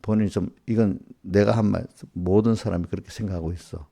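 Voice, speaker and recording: A man's voice: low-pitched, fairly even intonation, fast talker, gravelly, mellow. A man, a pastor, preaching informally to congregants and scolding them with one rhetorical question after another. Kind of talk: small-group sermon addressing congregants directly.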